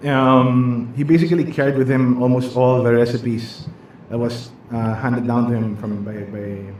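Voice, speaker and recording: A man's voice: mid-range voice, fairly even intonation, a little slow, a little mellow, a little hiss or hum. Chatty Filipino man in an echoey room. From Philippines. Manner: chatty, laughs often, storytelling. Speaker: chef. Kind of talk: casual interview chat.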